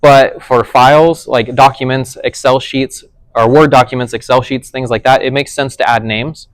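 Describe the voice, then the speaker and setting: Smooth-voiced man teaching a tech class. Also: medium pitch, steady tone, normal speed, dry recording, rough recording. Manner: conversational, checks understanding with frequent "does that make sense". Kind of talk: casual explanatory teaching.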